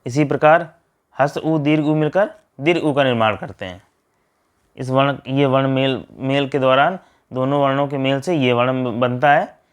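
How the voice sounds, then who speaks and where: A man teaching a grammar lesson, reading out word pairs and splitting each one in a steady drill. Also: mid-range voice, moderate pace, clean tone.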